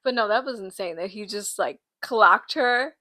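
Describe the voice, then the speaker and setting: A woman's voice: medium pitch, normal speed, pushed and bright. A young woman co-hosting a casual book chat, quoting scenes and riffing on them with playful indignation. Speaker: book podcast co-host.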